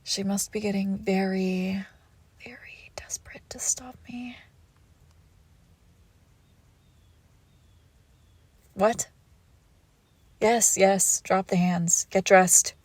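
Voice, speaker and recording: Cold and probing, a woman plays a seductive, menacing crime boss and wounded ex-lover in an intimate audio roleplay, commanding and breathy with frequent whispers. Her mid-range voice is a little mellow, slow-paced, and fairly even in intonation, captured in a dry recording.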